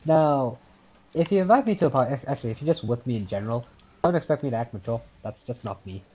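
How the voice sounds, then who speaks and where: A man's voice: medium pitch, animated, fast talker, dark tone, slightly rough, rough recording. A young man in his late teens with a Scouse accent, casually telling a rambling story on a podcast, swearing often. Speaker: podcast host.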